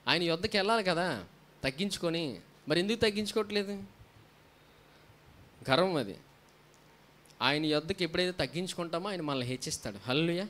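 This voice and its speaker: Man, pastor, preaching sermon, rhetorical questions, hallelujahs, slightly high voice. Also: expressive, a little fast, long pauses, fairly bright tone. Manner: asks the congregation questions and answers them himself; frequent hallelujahs between points.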